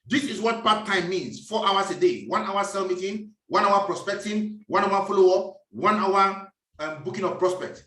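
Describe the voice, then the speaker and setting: Emphatic man, high and bright. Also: moderate pace, few pauses, far from the mic. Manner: preachy, emphatic, repeats key phrases. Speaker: business speaker. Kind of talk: motivational business talk. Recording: echoey room, voice off-mic.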